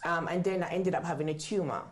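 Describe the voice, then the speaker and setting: A fast talker with a voice on the low side, she's an author and book writing mentor being interviewed as a guest. Born in the UK and brought up in Jamaica, she speaks candidly in a conversational, storytelling way.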